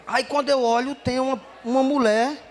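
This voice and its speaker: A man telling a story in stand-up comedy, lively and acting out the dialogue. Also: very high-pitched, normal speed, a little hiss or hum.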